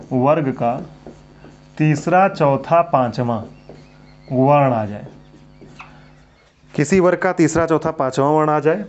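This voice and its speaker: In a Hindi grammar lecture for exam prep, a man whose voice sits on the high side and sounds a little mellow drills the class, repeatedly posing questions and supplying the answers himself. The recording is dull and lo-fi.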